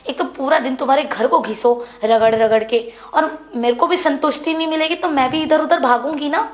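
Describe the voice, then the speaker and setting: High voiced young wife pleading and insisting, a woman acting her, roomy echo. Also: a little fast, close to an everyday voice. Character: frustrated young married woman, pleading sister-in-law. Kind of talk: Hindi web series dialogue. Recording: echoey room.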